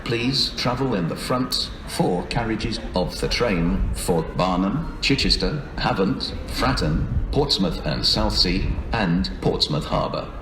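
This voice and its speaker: A British man making formal, measured train station announcements from a script. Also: fairly low pitch, animated, distant mic. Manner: formal, measured, listing stops one by one. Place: large railway station, over public address. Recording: echoey, noisy station tannoy heard from afar. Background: station ambience noise.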